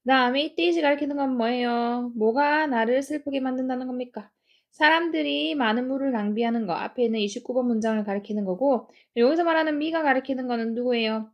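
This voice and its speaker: Woman with a gravelly edge teaching grammar. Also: high-pitched, highs cut off. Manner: explains step by step, reads English sentences slowly. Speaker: English teacher. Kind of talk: grammar lesson.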